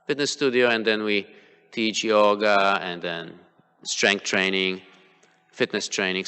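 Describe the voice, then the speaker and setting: A fairly low, smooth male voice with a pushed, bright quality leads a devotional class, and his native language is Polish. Speaking haltingly, he restarts often and leans on fillers while sharing personal examples. The temple hall gives the recording a long reverb.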